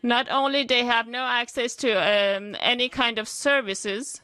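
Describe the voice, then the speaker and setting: A woman addresses a parliament panel over a video link, speaking slowly and earnestly with many pauses and fillers. Her voice sits a little high and sounds bright. The sound is dry and close. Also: fairly even intonation, dry recording. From Afghanistan. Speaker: women's rights activist speaker. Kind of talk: formal prepared speech to a parliament panel. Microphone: remote video call connection.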